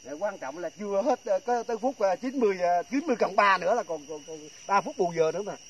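A middle-aged angler in a friendly contest jokes with viewers from a grassy pond bank, often repeating his words. His voice is high, bright, expressive, and fast, caught by a camera a few metres away with faint background noise.

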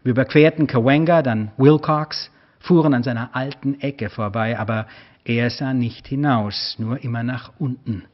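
A man, an author, reading his own prose aloud in a measured, expressive way during a lecture, on a dull, lo-fi recording. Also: mid-range voice.

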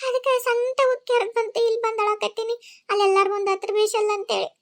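A woman's voice: very high voice, little pitch movement, quick pace. A woman doing a weeping, kind-hearted older woman. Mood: lamenting. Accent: North Karnataka Kannada. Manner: weeping, lamenting. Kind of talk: cartoon voice acting.

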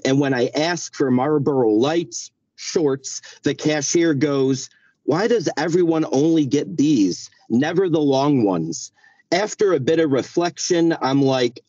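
A man's voice: a little high, mellow, no echo. Man, group voice chat, sitting in his car, muffled call audio, dry, chatty with fillers. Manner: loose and chatty, many likes and uhs. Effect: heard over a group voice chat. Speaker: poet reading his work. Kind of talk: casual chat, then reading a poem aloud. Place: inside his parked car.

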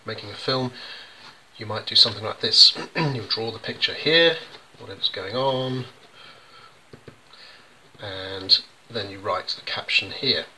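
A man's voice: fairly low pitch, measured pace, sharp tone, slight background noise, rough recording. An English man, a children's poet, chatting through how he illustrates his poems, with many ums and restarts. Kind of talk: casual explanatory demonstration.

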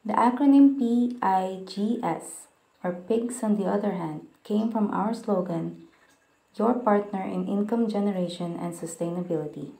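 A young woman, co-owner of a farm enterprise, reading a scripted voice-over in a steady, careful way. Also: mid-range voice, measured pace, creaky, echoey room, low-quality recording. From Philippines. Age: young adult.

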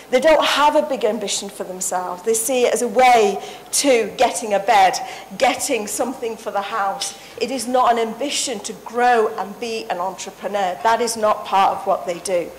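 A woman's voice: on the high side, normal speed, slight background noise, poor audio. A woman, giving an earnest, passionate conference talk into a handheld mic on a stage. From Sri Lanka. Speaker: conference paper presenter. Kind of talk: conference presentation.

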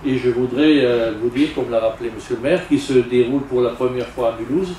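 A man giving a formal ceremony speech at a stand mic in an event tent, pausing often with many hesitations. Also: medium pitch, dark tone, slight background noise. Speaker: awards ceremony speaker. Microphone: stand mic, filmed from afar. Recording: echoey, distant camera audio.

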